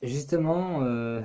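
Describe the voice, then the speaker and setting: A man's voice: medium pitch, dark tone. Rambling, cursing young-sounding man vlogging. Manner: rambling, profane, full of fillers. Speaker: YouTuber. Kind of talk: casual talk to camera.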